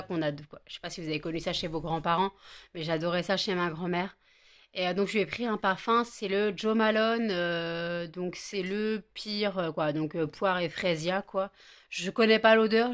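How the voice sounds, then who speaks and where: With a smooth, slightly bright mid-range voice, a vlogger in her 30s talks casually from home. A cold has her tired and a bit stuffy, and her rambling is full of fillers and self-corrections.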